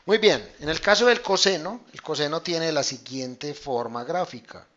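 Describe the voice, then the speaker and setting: A man's voice: on the high side, normal speed, a bit bright, lo-fi sound. A man teaching a math class online, explaining step by step in a casual way and often checking in with his students. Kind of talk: online class lecture with screen demonstration.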